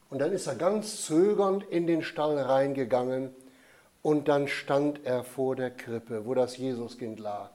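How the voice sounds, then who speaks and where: Lively male storyteller for children. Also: on the high side.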